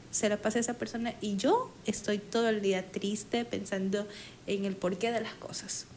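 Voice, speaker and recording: A woman's voice: a little high, slight background noise. Chatty woman in casual conversation. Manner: chatty, acts out little quoted moments.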